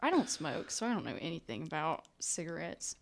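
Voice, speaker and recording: A woman co-hosting a podcast in casual conversation, giggly and quick to react. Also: low voice, sing-song, gravelly, crowd noise. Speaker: podcast co-host. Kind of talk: casual chat.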